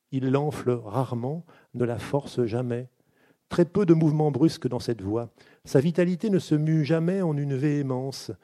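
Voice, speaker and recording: Man hosting a book show, reads slow and deliberate, really dark voice. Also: mid-range voice. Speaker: literary show host. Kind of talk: reading a book excerpt aloud, then questioning the author.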